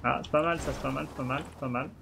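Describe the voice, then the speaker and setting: A man's voice: medium pitch, steady tone, quick pace. Man chatting over clicky background noise. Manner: slangy, swearing, joking. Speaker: video game player. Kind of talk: casual gaming chat. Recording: clearly noisy background with clicks.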